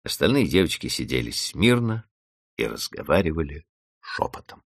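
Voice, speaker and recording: A man narrating a classic story as an audiobook, with expressive, dramatic storytelling. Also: rumbling low, moderate pace, vocal fry, breathy edge, dry recording, clean studio sound.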